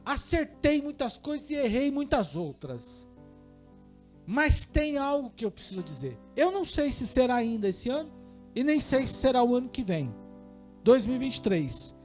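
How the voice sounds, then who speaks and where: A Brazilian man preaching a sermon at a church service, swinging between quiet talk and shouting with fervor. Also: very high-pitched, very animated, normal speed, faint music behind. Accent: Brazilian Portuguese. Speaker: pastor.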